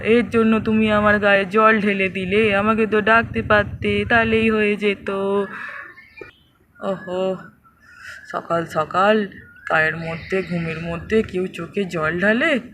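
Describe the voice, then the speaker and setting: A man's voice: high-pitched, pushed and bright, slight background noise, exaggerated voice. A man doing a grumbling sleepy father doll. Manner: aggrieved, whiny complaining. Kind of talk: doll story voice acting.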